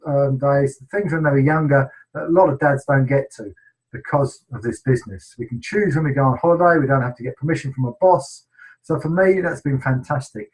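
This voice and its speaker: A man's voice: a little high, poor audio. A middle-aged man with an English accent, hosting a team sales webinar in a casual, enthusiastic way with many ums and restarts.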